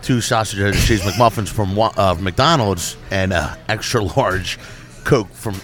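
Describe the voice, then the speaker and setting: A man's voice: on the low side, unhurried, fairly bright tone, faint music behind. A man chatting casually on a podcast in brash, profane bro talk, repeating himself for emphasis.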